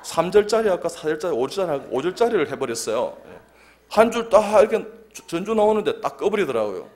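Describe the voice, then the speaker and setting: A man in his fifties, a church elder and doctor, giving a humorous testimony sermon with lively storytelling and acted-out lines. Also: sits high, quick pace.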